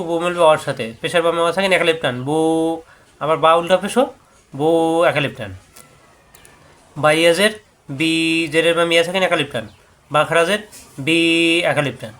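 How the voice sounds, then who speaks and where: A man whose first language is Bengali, teaching Quran recitation rules, drawing out each example word slowly and then explaining the rule briskly. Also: a little high, sharp tone. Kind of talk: tajweed lesson.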